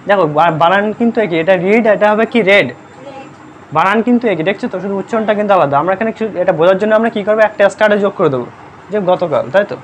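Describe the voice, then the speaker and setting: Brisk classroom grammar teacher, quizzing. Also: mid-range voice, highs cut off, slight background noise. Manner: quizzes students constantly, checking "understood?"; spells words letter by letter. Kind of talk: live classroom lesson in Bengali. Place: classroom with pupils present.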